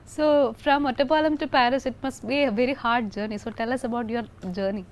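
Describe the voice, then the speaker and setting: A woman's voice: on the high side, fairly even intonation, a little fast. A woman with an Indian accent, asking questions as an interviewer.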